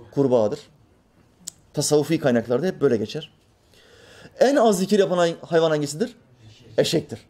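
A man with a mellow, warm voice preaches a sermon. He sits a bit high in pitch and talks in an animated way. He often slips into the voices of the people in his examples. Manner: animated, acts out quoted voices, drops to a soft voice for reverent lines.

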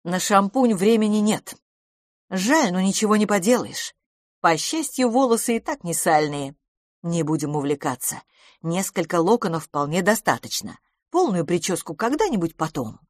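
A woman voicing a confident, practical female stylist who talks in a brisk, matter-of-fact, decisive way. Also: on the low side, sing-song, no echo, clean studio sound.

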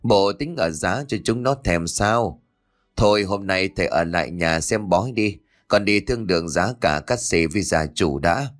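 A man's voice: deep voice, lively intonation, normal speed. A man voicing an older male assistant who sighs and grumbles fussily. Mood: exasperated. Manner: sighing, grumbling.

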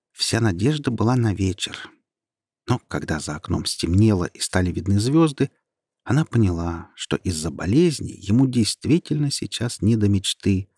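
A man narrating a storybook in a slow, measured reading. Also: lowish voice, darkish tone, slightly rough, dry recording, studio quality.

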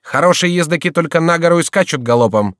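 A man voicing an impatient, commanding Gascon rider who shouts his orders. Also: on the high side, lively intonation, fast talker, dry recording, clean studio sound, voice pushed up. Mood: urging.

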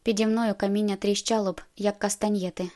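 A woman narrating a first-person audiobook in a steady, measured way. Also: medium pitch.

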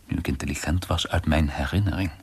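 A man's voice: very deep voice, fairly even intonation, fast talker, husky. A man reading a first-person diary novel for radio in an introspective way, often dropping to a near-whisper.

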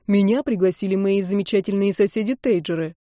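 Woman reading as a taunting young guy in an audiobook, slow drawl, mellow tone, dry sound. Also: mid-range voice, no room sound, natural voice. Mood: mocking. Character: sneering young man, teasing rival.

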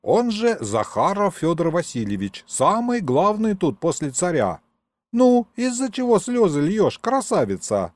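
A man's voice: sits high, wildly swooping pitch, measured pace, no echo, voice pushed up, heavily acted. A man voicing a kindly, folksy old grandfather who talks in an old-fashioned, coaxing way.

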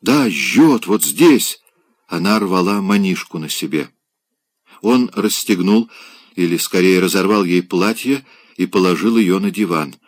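A man reading a classic novel aloud, in measured, expressive literary narration. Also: low-pitched, no echo. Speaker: audiobook reader.

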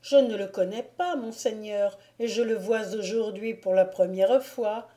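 A woman's voice: medium pitch, steady tone, measured pace, mellow, lightly acted. A woman voicing a sweet, humble teenage peasant girl who speaks beseechingly, in a storybook reading. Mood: pleading.

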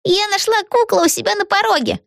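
A woman voicing a girl trapped in a doll, speaking slowly in a tiny squeaky voice. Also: creaky, no echo, studio quality. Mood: chatty. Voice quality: squeaky, slow. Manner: slow sing-song speech. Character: little girl turned into a doll.

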